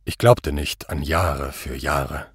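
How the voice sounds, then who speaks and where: A man doing a terse, stoic older worker on trial; deep, quiet, husky. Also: takes it slowly, no room sound, clean studio sound, full character voice. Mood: cool. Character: calm, stubborn older male craftsman on trial.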